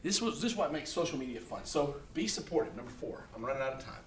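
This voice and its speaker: A man's voice: mid-range voice, animated, quick pace, slight background noise. A man talking casually to the camera, giving blunt, profane advice on social media and often tagging his points with "okay?". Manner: blunt and profane, with lots of "okay?" tag questions.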